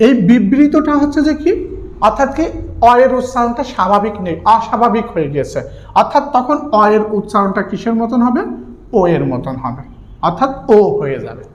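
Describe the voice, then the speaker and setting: A man's voice: sits high, very animated, moderate pace, lo-fi sound. A man with a Bangladeshi Bengali accent, teaching an exam-prep grammar lesson. He keeps asking questions and answering them himself, drawing out key words. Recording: roomy, echoey room.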